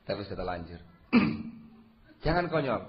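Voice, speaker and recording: A man preaching an Islamic sermon, emphatic and given to rhetorical questions, reciting Arabic phrases and swinging between loud and soft delivery. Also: sits low, very animated, moderate pace, lo-fi sound. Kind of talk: sermon lecture.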